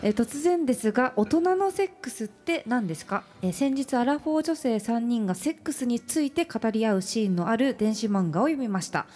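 A woman co-hosting a radio show, her voice sitting a little on the high side. She reads a listener's letter aloud and answers the others with short reactions and quick laughs. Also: lively intonation, a little mellow. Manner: laughs easily, brief reactions. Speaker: radio co-host. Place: radio studio.

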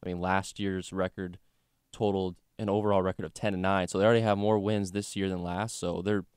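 A man's voice: low voice, level tone, brisk, a little mellow, clear, resonant tone, dry recording, studio quality. A young man co-hosting a college sports podcast, chatting about games in a loose, joking way with lots of fillers. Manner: chatty, jokey, lots of fillers like "you know" and "like". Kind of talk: casual sports chat.

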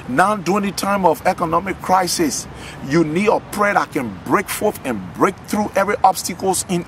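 A man's voice: mid-range voice, a little hiss or hum. A middle-aged man from Liberia, a pastor giving an earnest testimony and sermon to a close camera outdoors, often repeating words as he builds fervor. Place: outdoors in a garden, trees behind. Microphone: camera at close range.

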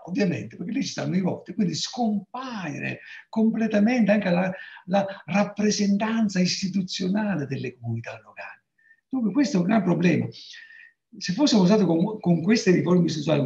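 A man's voice: high-pitched, vocal fry, darkish tone. A man in his sixties lecturing informally on a video call in an emphatic manner, repeating key phrases. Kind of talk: informal academic lecture discussion. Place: book-lined home study, video call. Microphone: video call microphone. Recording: roomy, dull video-call audio.

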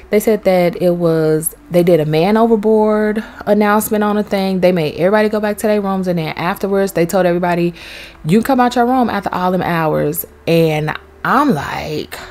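A woman vlogger with a son, chatting casually and telling a story while touring a game world. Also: mid-range voice. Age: young adult to middle-aged, has a son. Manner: chatty, animated, swears casually. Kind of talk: casual storytelling over gameplay.

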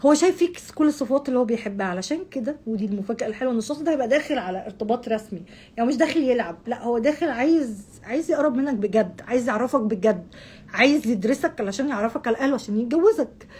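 Hosting an astrology channel from a curtained room at home, this Egyptian woman delivers her monthly horoscope fast and casually, her voice husky and hoarse from shouting. It sits fairly high, breathy and rough, with an animated, slightly dark tone. She talks to the viewer head-on in Egyptian Arabic, chatting, repeating herself and moving her hands.

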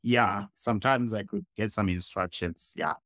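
Low-voiced Zimbabwean-born man on a headset call. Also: a bit bright, dry recording. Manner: halting, repeats words while searching for them. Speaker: guest artist. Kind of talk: casual interview on a video call. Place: small room indoors. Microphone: headset on a video call.

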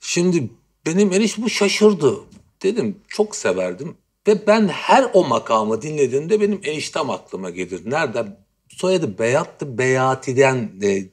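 A man's voice: medium pitch, big pitch swings, unhurried, breathy edge. A male guest on a talk show, telling a funny story in a playful, amused way. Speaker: guest musician.

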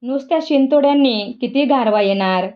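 A woman's voice: high-pitched, moderate pace, close to an everyday voice. A cheeky young sister teases and mocks her elders, as a woman reads her aloud. The storybook reading is heard on a dull, lo-fi recording. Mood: teasing. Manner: teasing, mocking.

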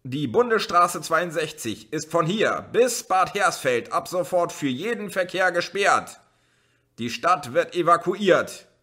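A man reading an audiobook, voicing a stern male police officer who shouts orders through a megaphone. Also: on the high side, very animated, measured pace, slightly rough, voice pushed up, exaggerated voice. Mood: shouting orders. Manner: shouting commands.

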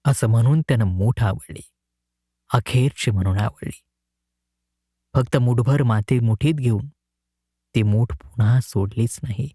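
A storyteller reads a literary short story in a measured, solemn way, moving very slowly and unhurriedly. The sound is close and dry with no echo. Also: mid-range voice, warm tone.

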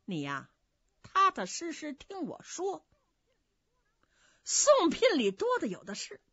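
A woman voicing a clever, sharp-tongued innkeeper's wife who scolds, in a dry, slightly dull recording. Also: sits high, huge pitch swings, no room sound, voice pushed up, heavily acted. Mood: scolding. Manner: scolding, quick-witted.

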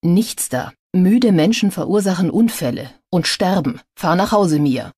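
A woman voicing a tired male detective. He is firm and gruff. The voice is low, mellow and a little husky. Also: expressive, unhurried, no echo. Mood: firm weary.

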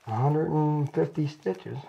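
In a small indoor chiropractic office, a patient in his 40s or 50s lies down for treatment and chats ramblingly. His fairly high voice is slow and has vocal fry, while the recording cuts off the highs and picks up noticeable background noise and clicks.

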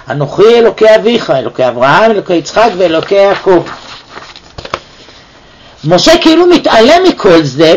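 High-voiced man teaching Torah, lively. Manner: lively, asks many rhetorical questions. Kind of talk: weekly Torah portion lesson. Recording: dull lo-fi recording.

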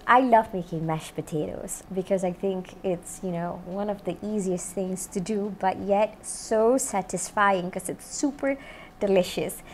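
Wearing a lapel mic in a homey indoor kitchen studio, this thirtysomething cooking-show chef keeps up cheerful talk to the camera, peppered with "you know." Her mid-range voice is unhurried and slightly mellow, with faint background noise.

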